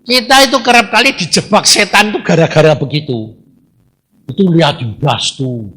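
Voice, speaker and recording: A man's voice: fairly high pitch, moderate pace, husky. A man preaching a casual sermon, teasing his listeners and acting out conversations. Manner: lively, chatty, teasing, acts out dialogues.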